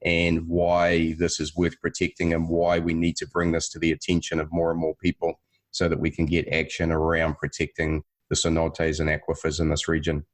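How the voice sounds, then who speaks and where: A man's voice: very deep voice, completely flat delivery, normal speed. A man hosting a podcast, chatting in a friendly, upbeat way with his guests. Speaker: podcast host. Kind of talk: casual interview chat.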